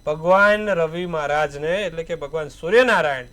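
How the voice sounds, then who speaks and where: A man's voice: a little high, normal speed, fairly bright tone. A man giving an astrologer's daily horoscope and tarot reading, advising in repetitive, proverb-like phrases.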